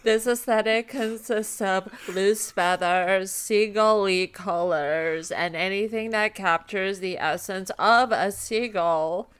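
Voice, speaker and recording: A woman's voice: medium pitch, slow pace, few pauses, clear, resonant tone, lightly acted. A woman voicing a seagull girl in a strained, choked-sounding voice for a comedy podcast. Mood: deadpan. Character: croaky seagull girl, slow and choking. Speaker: intern. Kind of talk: comedic reading in a put-on voice.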